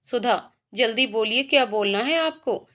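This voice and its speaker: A woman's voice: a little high, measured pace. A woman voicing a shy, cheeky young student. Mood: bashful. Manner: shy, soft-spoken. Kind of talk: storytelling voices.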